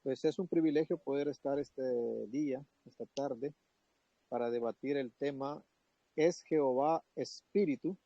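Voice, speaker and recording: Man, very dark mellow voice, earnest, dry muffled audio. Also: mid-range voice, unhurried, no echo. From El Salvador. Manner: earnest, hesitant fillers. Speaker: debater. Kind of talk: online debate opening statement.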